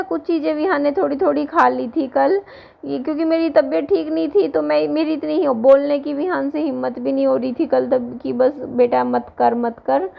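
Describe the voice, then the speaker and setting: A woman in her thirties, hoarse from a sore throat, rambling casually to her viewers in a home vlog. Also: high-pitched, dull audio. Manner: rambling, restarts often, talks to viewers directly. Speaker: vlogger.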